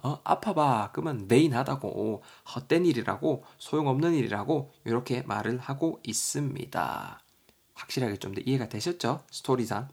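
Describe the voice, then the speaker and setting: A man's voice: mid-range voice, gravelly, slightly rough. A man teaching English vocabulary on a podcast, patiently explaining words and spelling them out.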